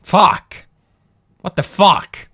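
A young man commenting loudly and profanely on a horror game, joking around and shouting when it startles him. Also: drawn-out words, a little hiss or hum. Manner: profane, goofy, bursts into shouting. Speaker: gaming commentator. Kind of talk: let's play commentary. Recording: game music behind the voice.

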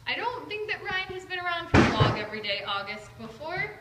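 A woman's voice: extremely high pitch, fairly quick, heavy background noise. Playful woman in an echoing empty house. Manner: playful, chatty and excited. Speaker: vlogger. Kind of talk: casual vlog house tour. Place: large empty house, indoors. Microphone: phone camera at arm's length. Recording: echoey empty room.

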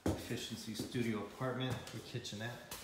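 A man's voice: medium pitch, steady tone, normal speed, far from the mic. A man giving a casual, matter-of-fact tour of an unfinished house, pointing out each room as he walks through. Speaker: house walkthrough guide. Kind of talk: casual property tour narration. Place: unfinished house under renovation, indoors. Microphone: handheld phone camera. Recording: echoey empty rooms, noisy, mic held away.

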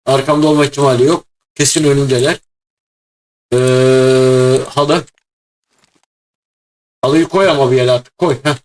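A man hosting a gaming video, chatting excitedly and shouting at times as he plays a mobile battle game. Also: mid-range voice, unhurried, pauses often. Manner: loud, excitable, shouts during play.

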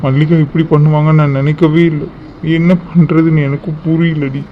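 A bewildered young bridegroom explains himself apologetically in a flat, fairly high voice, as a man acts him out. He sounds like a character from a cartoon drama, and the recording is dull and lo-fi. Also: brisk, a little hiss or hum, close to an everyday voice. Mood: confused. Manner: confused, apologetic.

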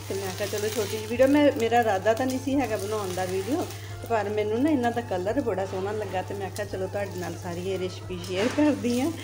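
An older woman from Punjab, a cooking vlogger with a Punjabi accent and mid-range voice, gives a chatty, homely demonstration in her home kitchen. She repeats herself for emphasis.

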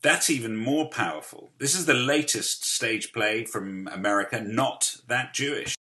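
A man hosting a segment and commenting on comedy clips, measured and with frequent filler pauses. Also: medium pitch, sharp tone. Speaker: show host and commentator.

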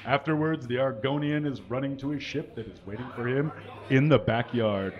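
A comedy show performer with a medium-pitched voice reads fan fiction at normal speed into a microphone on a stand, playing it mock-earnest and exaggerated while spelling out errors and punctuation. He's on a small indoor stage framed by curtains, in front of a live audience. The sound quality is lo-fi.

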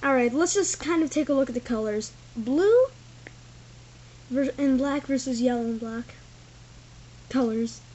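Her voice sits high with a darkish tone, and she speaks unhurriedly with long pauses. Reviewing a toy in a carpeted indoor room, she rambles loosely, leaning on "like" and "thing," while a camera on a tripod records through its built-in mic.

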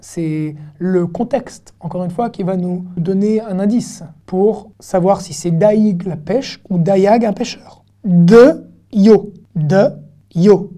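A woman teaching an online Hebrew lesson, patiently repeating syllables slowly and clearly in a chatty way. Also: mid-range voice, dark tone.

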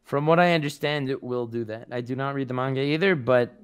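A man's voice: mid-range voice, brisk, clear, resonant tone. A man hosting a casual podcast chat, teasing and sarcastic.

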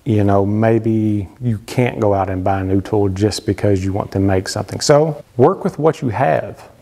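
A low-leaning, dark-toned male voice with vocal fry and a moderate pace comes from a woodworking channel host in his thirties. He's talking casually to camera inside his wood-paneled home workshop, gesturing freely and dropping frequent fillers as he shares instructional advice. Long workshop reverb colors the sound.

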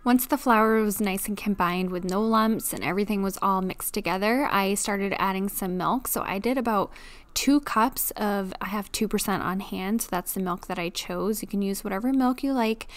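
A young adult woman chatting casually through a cook-along voice-over, relaxed and full of little fillers and asides. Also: medium pitch. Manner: chatty, relaxed, filler-heavy, self-deprecating. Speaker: cooking vlogger.

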